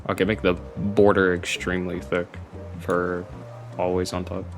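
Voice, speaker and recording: Low-voiced man chatting on a stream. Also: moderate pace, soft background music. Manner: relaxed, chatty, talks to chat. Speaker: game streamer. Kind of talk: casual livestream chat.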